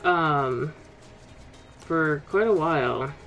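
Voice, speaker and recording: A man's voice: fairly high pitch, extremely slow, fairly bright tone, soft background music. A man doing casual, joking commentary as he plays through a game. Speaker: gamer commenting on his playthrough. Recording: faint background noise.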